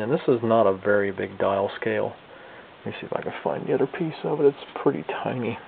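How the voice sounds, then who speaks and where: A man with a mid-range voice and vocal fry, a hobbyist radio restorer and video host, gives viewers a casual hands-on demonstration. He talks informally and folksily, as if thinking aloud, on a lo-fi, phone-like recording with slight background noise.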